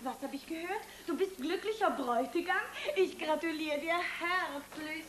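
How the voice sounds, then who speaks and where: A brash, gushing impostor cousin. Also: female voice, very high-pitched, a bit bright, a little hiss or hum. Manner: gushing, theatrical, quick-witted. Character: bold young woman posing as a cousin, brash. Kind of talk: 1970s stage farce acting. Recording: echoey stage with audience laughter.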